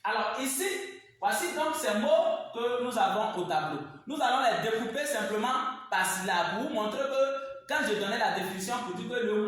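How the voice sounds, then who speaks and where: A man teaching a reading lesson, explaining slowly and repeating words syllable by syllable at the board. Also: high voice, a bit bright. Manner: slow, repetitive, spells words by syllables. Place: classroom with a board. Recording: echoey room, mic far off.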